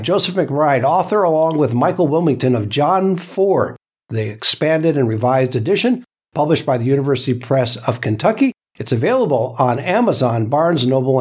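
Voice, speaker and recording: A man hosting an interview show, delivering introductions and questions in a deliberate, phrase-by-phrase way. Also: on the high side, big pitch swings, darkish tone, slightly rough.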